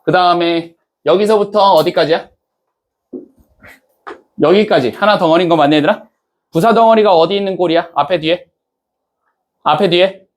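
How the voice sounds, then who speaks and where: A man with a fairly high voice lectures a class in a relaxed, chatty way. He keeps firing questions at the students and checking that they follow. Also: normal speed, pauses often. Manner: casual banter-style speech to students. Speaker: English teacher.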